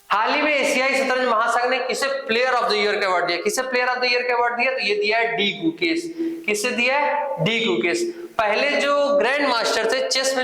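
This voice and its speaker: A man's voice: sits high, bright, forceful tone, very echoey, low-quality recording. A man teaching a current affairs quiz lesson, repeating each answer and adding informal asides.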